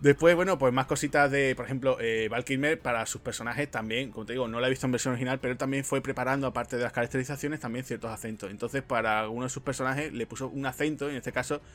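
A man's voice: medium pitch, steady tone, quick pace, few pauses, fairly bright tone. Chatty man telling film trivia. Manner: chatty storyteller, frequent fillers and asides. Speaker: podcast host. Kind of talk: casual film podcast chat.

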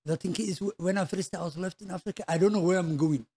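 A Somali man, around his thirties, tells his story casually as an interview guest, speaking halting, repetitive non-native English with a Somali accent. His voice sits high and sounds dark and husky.

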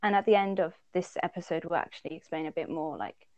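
A woman's voice: fairly low pitch, fast, a little mellow, dry recording, highs cut off. A woman from the Netherlands chats casually as a podcast co-host. She laughs often and thinks aloud, with plenty of ums along the way. Her voice sits close and dry, with no room sound around it. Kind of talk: casual chat.

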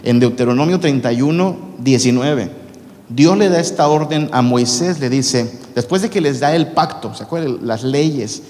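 Male preacher, mid-pitched, conversational sermon voice, recorded in a big echoing church hall. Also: moderate pace, darkish tone. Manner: conversational, asks the congregation questions. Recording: long reverb from a large hall.

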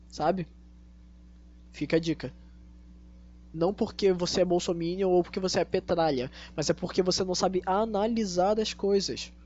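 A Brazilian man hosting a casual monologue to his listeners, speaking with a tongue-tied, slushy s and deliberate, repetitive phrasing. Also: high voice, a little mellow. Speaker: podcast host. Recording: dull lo-fi audio, faint hum.

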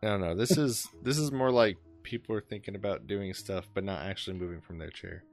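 Low-voiced joking man at a tabletop game. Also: a little fast, faint music behind. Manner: joking, sweary, stammering. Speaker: player. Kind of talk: casual tabletop play.

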